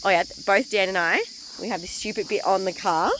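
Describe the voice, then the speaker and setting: Losing her voice to illness, an Australian woman talks candidly to the camera about her caravan trip, wandering a bit off topic as a travel vlogger would. Her medium-pitched delivery is brisk, and there's background noise.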